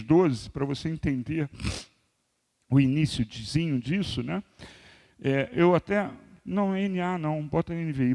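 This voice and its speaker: A man in his sixties preaching a sermon as pastor, moving between loud emphasis and quiet asides. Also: on the high side. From Brazil. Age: 60s. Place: church hall. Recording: long reverb of a large church hall.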